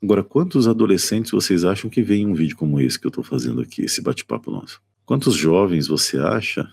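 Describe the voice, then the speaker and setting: A man's voice: deep voice, animated, a little fast, creaky, a little mellow, breathy edge, no room sound. A man with a Brazilian Portuguese accent, a psychotherapist speaking from his apartment on a live stream, talking straight to viewers in a conversational way and asking them rhetorical questions. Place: apartment at home.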